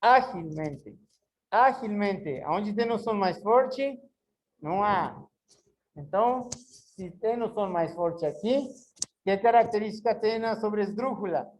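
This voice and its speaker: Woman teacher, mellow tone, slow careful syllables, patient online class. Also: medium pitch, slight background noise, rough recording. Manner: explains patiently, spells words slowly syllable by syllable. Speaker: Spanish teacher.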